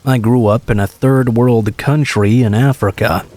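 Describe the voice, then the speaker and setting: A man reading true scary stories aloud in the first person, in an even storytelling way. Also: mid-range voice, unhurried. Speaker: horror story narrator.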